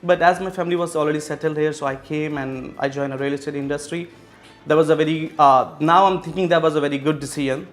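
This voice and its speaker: A Pakistani real estate executive in his thirties answers interview questions as a business guest, with many fillers and restarts. His voice is fairly high and steady, and he speaks fast.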